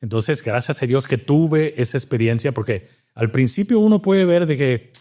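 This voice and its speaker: His voice is mid-range, mellow and expressive, at a normal speed. He is a Cuban doctor and scientist sharing his story in an easygoing interview, thinking aloud with many fillers and restarts.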